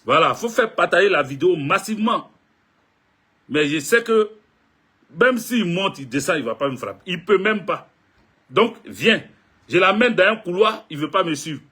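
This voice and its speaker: A man's voice: high voice, very animated, normal speed, fairly bright tone, slightly rough. A man, a political video blogger, talking casually and jokingly straight to his viewers. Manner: joking, chatty, addresses viewers directly.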